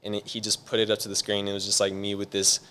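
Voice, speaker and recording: Here a young adult music producer from San Diego, USA, talks loosely in an interview, relaxed and full of "like." His lowish voice moves fast and sounds clear and resonant.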